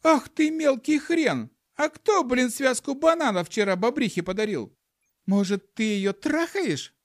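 A man voicing a shrill, quarrelsome, foul-mouthed female monkey in an audiobook. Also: expressive, a little slow. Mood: shrieking angry.

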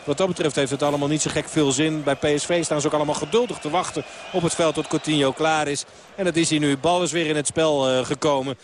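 A man's voice: on the high side, steady tone, fast talker, a little hiss or hum. A man giving live play-by-play football commentary on the radio, talking on steadily with filler sounds. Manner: fluent running play-by-play with fillers.

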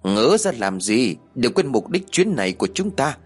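A man's voice: medium pitch, big pitch swings, normal speed, breathy edge. A man voicing a fierce, impatient young woman villain in an audiobook. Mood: angry.

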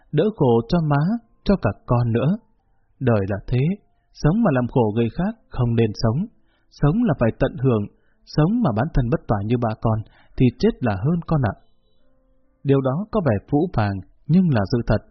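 A man's voice: mid-range voice, breathy edge. A man reading as a cold, blunt mother. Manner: flat, level, unbending delivery. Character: cold, blunt middle-aged mother scolding daughter. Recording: dull lo-fi recording.

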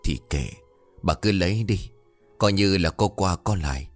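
A man's voice: sits low, unhurried, dry recording, faint music behind. A man voicing a poor, grateful old man who insists kindly. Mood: insistent. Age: older.

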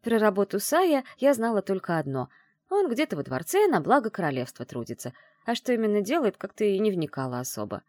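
A woman narrating an audiobook in the first person, with expressive storytelling. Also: mid-range voice, brisk, dry recording, studio quality.

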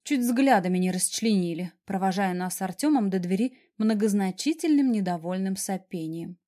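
Woman, first-person audiobook narration, wry and expressive, mellow dark tone, mid-pitched voice. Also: moderate pace.

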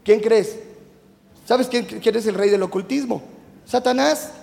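High gravelly mexican guy preaching to youth, teasing, keeps asking the crowd stuff, big echoey hall. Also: unhurried, a little mellow. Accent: Mexican Spanish. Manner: chatty, teasing, quizzes the audience. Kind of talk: youth sermon to a live congregation. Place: church hall. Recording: echoey hall with long reverb.

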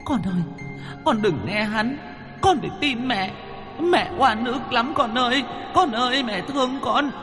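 Man doing a high wailing mother ghost, sobbing and pleading, horror story voice. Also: expressive, a little slow, long reverb tail, music in the background. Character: weeping mournful mother ghost in red.

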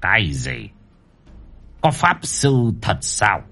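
A vengeful old sorcerer, as a male narrator puts him on, drags out cold threats in a low, slow, hushed voice. Faint music lingers behind. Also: wildly swooping pitch, vocal fry, full character voice. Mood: menacing. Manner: slow, hissing menace.

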